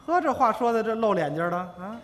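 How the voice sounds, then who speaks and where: High, lively teasing crosstalk comedian. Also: male voice, slight background noise. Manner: teasing, quick banter. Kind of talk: crosstalk comedy duo routine.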